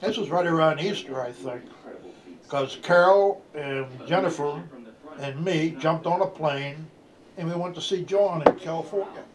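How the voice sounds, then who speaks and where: A man's voice: fairly high pitch, moderate pace, a crowd in the background, poor audio. An older man with a grandpa voice tells a casual, rambling family anecdote in a folksy, salty way. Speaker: grandfather telling family stories.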